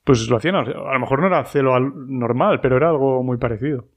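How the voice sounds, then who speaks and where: A man's voice: mid-range voice, fast talker, breathy edge. A man from Spain co-hosting a podcast in casual chat, explaining things with hesitant restarts. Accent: Spain Spanish. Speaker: podcast co-host.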